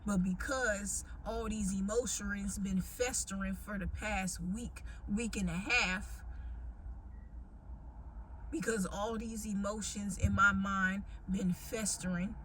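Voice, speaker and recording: A young American woman talks to her viewers in a casual, candid rant. Her delivery is emphatic and full of slang and swearing, at a medium pitch. Clear background noise with vehicle ambience runs under the voice. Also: steady tone, slow, a bit bright. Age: 20s. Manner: slangy, profanity-heavy, emphatic. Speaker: vlogger.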